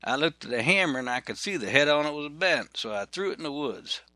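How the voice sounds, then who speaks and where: Man doing a blunt good old boy carpenter, loud drawl, sharp bright tone. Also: on the high side, lively intonation, fairly quick, no echo, voice pushed up. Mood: gruff. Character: gruff Southern male carpenter, good old boy, quick to smile.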